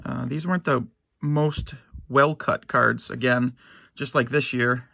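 A middle-aged man opening a box of sports cards for his channel, easygoing and rambling with lots of fillers and restarts, a little hoarse and clearing his throat now and then. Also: mid-range voice, steady tone, unhurried, bright, forceful tone, dry recording. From United States. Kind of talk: casual box-break commentary. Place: at home, in his basement.

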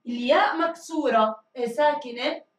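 A woman teacher giving a grammar lesson, drilling answers and stretching words slowly. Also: sits high, far from the mic. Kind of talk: recorded classroom grammar lesson. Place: school studio room. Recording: echoey room, mic set back.

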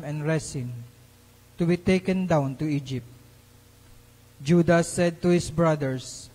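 A man speaks in a large echoing church with long reverb. His voice sits a little high for a man. He reads scripture as a lector, slowly and deliberately, in a solemn, formal style. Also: darkish tone. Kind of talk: solemn liturgical scripture reading. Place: large church during Mass.

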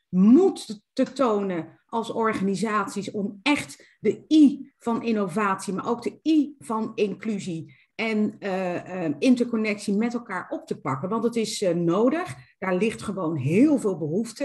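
A woman in her forties summarizing a discussion on a video call, searching for words with many fillers. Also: a little high. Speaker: panel speaker. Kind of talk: summarizing in an online meeting.

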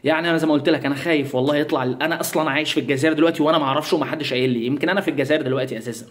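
A man's voice: a little high, steady tone, rapid-fire. A man from Egypt with an Egyptian Arabic accent, giving sarcastic, mocking commentary in a comedic vlog. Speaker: YouTuber.

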